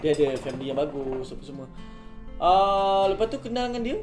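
A young man with a Malaysian accent chats casually, dropping English into his lively, slangy storytelling. His voice sits a little high and moves quickly. The room is noticeably echoey, with guitar music playing underneath. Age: young adult. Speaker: storyteller in a group conversation. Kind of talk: casual chat, anecdote among friends. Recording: roomy echo, music under speech.

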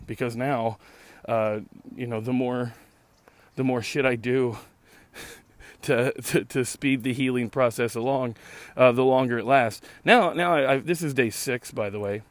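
With no room sound despite being recorded outdoors in a park, a man in his late thirties delivers a casual solo podcast monologue in a mid-range voice. Hoarse and fading, he rambles on sardonically, cursing freely.

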